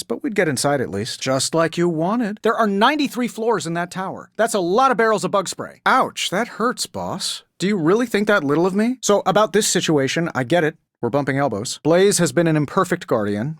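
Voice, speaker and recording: A man's voice: fairly high pitch, a bit bright, no room sound, clean studio sound. A man playing a wisecracking, cocky genius inventor superhero in a video game, talking in a glib, sarcastic, conversational way. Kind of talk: video game character voice lines.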